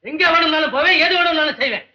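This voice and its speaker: An actor playing a pompous textile shop owner who blusters indignantly, in a 1960s film comedy. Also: male voice, extremely high pitch, very fast, bright, forceful tone, exaggerated voice. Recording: dull old film soundtrack.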